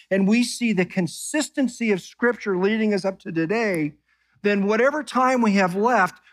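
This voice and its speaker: A man preaching a sermon, who keeps asking his listeners questions and reads scripture slowly and softly. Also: sits high. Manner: animated preaching, asks the congregation questions. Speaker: pastor.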